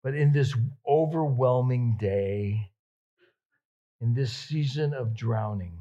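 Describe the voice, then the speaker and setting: A male pastor preaching a sermon, repeating words for emphasis and swinging between loud emphatic peaks and soft, hushed passages. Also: mid-range voice, slow, lo-fi sound.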